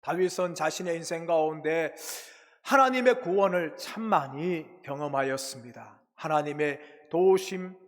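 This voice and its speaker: A man preaching an early morning sermon as senior pastor, reading scripture slowly and asking the congregation rhetorical questions, with phrase endings that drop lower and softer. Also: long reverb tail. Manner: asks the listeners rhetorical questions; reads scripture slowly and with weight.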